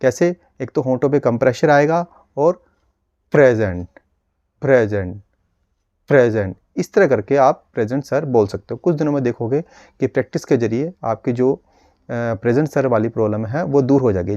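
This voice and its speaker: Calm man teaching speech exercises. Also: medium pitch, no echo, lo-fi sound. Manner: calm, patient, demonstrates sounds slowly. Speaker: speech therapist. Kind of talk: instructional video lesson.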